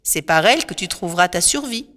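A woman voicing a gentle young messenger god. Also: fairly low pitch, expressive, a little fast. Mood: gentle counsel. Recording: long reverb, faint music.

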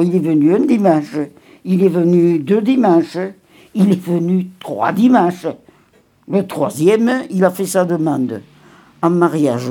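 A woman's voice: low voice, warm tone, husky. An older woman reminiscing at home in a rambling interview, often repeating words and sighing.

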